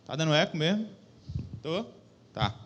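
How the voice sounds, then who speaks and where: The audio is dull, but it captures a young man with a Brazilian Portuguese accent preaching a casual, chatty sermon in a church hall. His fairly high voice is unhurried as he jokes, teases himself, and asks the listeners questions via a microphone and stage monitor.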